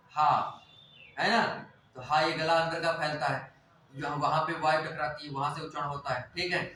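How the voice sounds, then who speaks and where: High-voiced teacher in an echoey room. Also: male voice, sharp tone, far from the mic, a little hiss or hum. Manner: explains step by step, asks and answers own questions. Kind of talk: classroom lecture.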